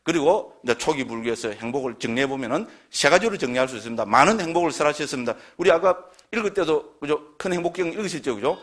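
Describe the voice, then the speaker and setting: A man's voice: on the high side, animated, quick pace, hardly any pauses, fairly bright tone. A man lecturing on Buddhist scripture, emphatic and constantly checking in with his listeners through short tag questions.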